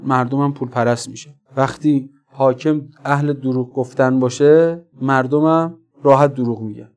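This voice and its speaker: A man preaching a religious sermon. He speaks with passion, addresses his listeners directly and builds to loud rhetorical questions. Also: mid-range voice.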